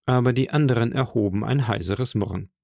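A man narrating an audiobook in a measured storytelling manner. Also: mid-range voice, gravelly, a little mellow, no echo, studio quality.

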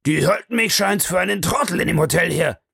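A blustering gentleman fumes in a broad West Country burr, put on by a man reading a story. He talks high and fast, in a gravelly, lively voice. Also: no echo, clean studio sound. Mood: furious. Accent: broad West Country dialect (as told). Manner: furious, fast, shouting complaints. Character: angry blustering middle-aged country gentleman.

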